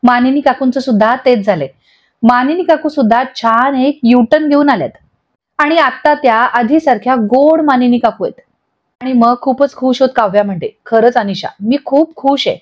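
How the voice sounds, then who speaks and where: A woman narrates a TV serial recap in a brisk storytelling manner. Her voice sits on the high side, and the recording sounds dull and lo-fi. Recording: dull lo-fi audio.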